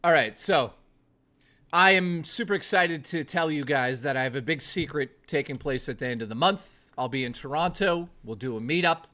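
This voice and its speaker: A man's voice: a little high, normal speed, sharp tone. A man chatting casually on a live stream, joking, swearing and answering chat messages. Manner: profane, joking, teasing.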